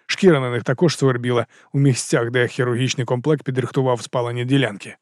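Fast, dry-voiced male audiobook narrator. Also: mid-range voice, fairly even intonation, a little mellow, no room sound. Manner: brisk, matter-of-fact delivery. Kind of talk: first-person audiobook narration.

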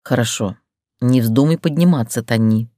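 A woman reading an audiobook, voicing a stern, controlled man in a lowered, clipped, commanding voice. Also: moderate pace, warm tone, no echo, studio quality. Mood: calm firm.

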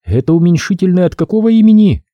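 A man's voice: high-pitched, animated, no echo, muffled recording, pitched above the performer's own voice. A male audiobook reader voicing a chatty, cheerfully pushy female evidence-collection worker. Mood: chipper. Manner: brisk, talkative, cheerfully pushy. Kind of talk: audiobook character voice.

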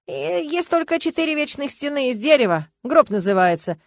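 A woman's voice: high-pitched, sing-song, moderate pace, vocal fry, no room sound, voice pushed up, full character voice. A woman reading as a bitter, brooding man. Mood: sardonic. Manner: agitated, loud, sardonic outbursts. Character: gloomy bitter middle-aged man, brooding and volatile. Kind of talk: audiobook reading.

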